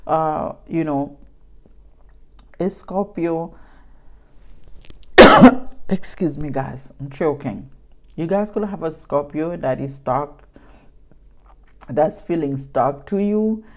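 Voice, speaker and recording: A woman's voice: sits low, dark tone. A woman giving a casual tarot reading, talking chattily and repetitively straight to her viewers. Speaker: tarot reader.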